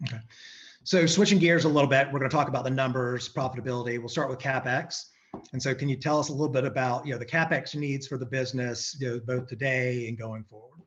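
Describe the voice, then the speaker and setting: A man interviewing an executive, asking quick questions and peppering them with "right". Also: medium pitch, fairly even intonation, lo-fi sound. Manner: quick, uses "right" as filler.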